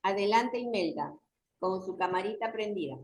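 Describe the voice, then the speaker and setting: A woman teaching an online university class, lively and often asking for agreement. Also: medium pitch, normal speed, reverberant. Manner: animated, often asks for agreement.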